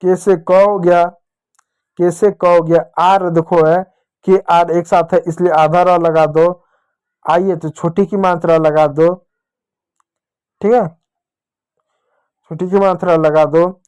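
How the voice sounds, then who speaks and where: Male teacher, patient, spells words out for kids, clear, slightly high voice. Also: level tone, darkish tone. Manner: patient, repeats words slowly and calls the kids dear children. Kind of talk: children's reading lesson.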